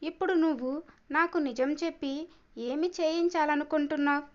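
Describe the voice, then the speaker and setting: An earnest young fiancé, tender and pleading, reasoning gently and patiently, as a woman reads his part. The voice sits high and bright for a man, since the reader keeps her own pitch. The sound is a little dull and lo-fi. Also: moderate pace, lightly acted.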